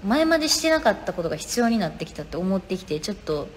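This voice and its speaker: A woman's voice: mid-range voice, very animated, fast talker. Chatty Kansai woman on a live stream. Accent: Kansai Japanese. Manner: reads viewer comments aloud and answers them chattily. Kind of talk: casual live-stream chat. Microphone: phone. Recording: reverberant room, faint background noise.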